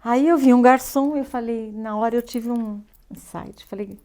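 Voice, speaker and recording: An older woman with a Brazilian Portuguese accent speaks as an interview guest. She tells a personal story in a lively way and acts out each line of dialogue. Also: a little high, normal speed.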